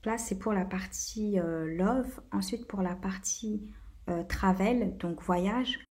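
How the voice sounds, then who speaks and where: Mellow-voiced woman, hesitant vlogger. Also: mid-range voice, slow pace. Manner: hesitant, many filler sounds. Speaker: video host. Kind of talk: casual explainer video.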